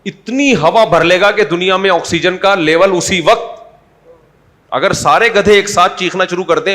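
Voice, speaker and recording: Man, preacher, sermon, fairly high voice, chatty and joking, rhetorical questions. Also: a bit bright. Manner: conversational and humorous, with rhetorical questions. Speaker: Islamic preacher. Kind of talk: Urdu sermon.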